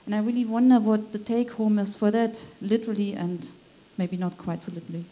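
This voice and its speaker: A woman in the audience poses a thoughtful question to a panel in a mellow voice. Her speech is measured and appreciative. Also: medium pitch, fairly even intonation. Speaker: audience member asking a question. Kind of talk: conference question.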